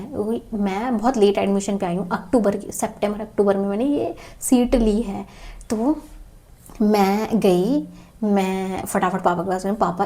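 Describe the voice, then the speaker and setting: A woman's voice: medium pitch, dark tone. A young woman in her twenties telling a personal story in a candid, emotional vlog, rambling with many restarts. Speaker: vlogger.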